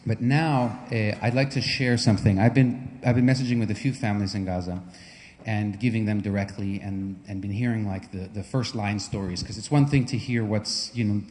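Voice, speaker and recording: A man hosting a concert, speaking earnestly and haltingly as he introduces a message. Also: lowish voice, fairly even intonation, a little mellow. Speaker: concert host and pianist. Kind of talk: spoken introduction and letter reading at a concert. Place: concert venue. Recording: long hall reverb.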